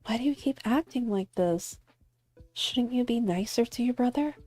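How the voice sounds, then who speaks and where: A woman's voice: fairly high pitch, animated, moderate pace, a little mellow, no echo, soft background music, pitched above the performer's own voice. A woman voicing a young girl who pleads and questions her brother, in a lighter voice than her own. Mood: pleading.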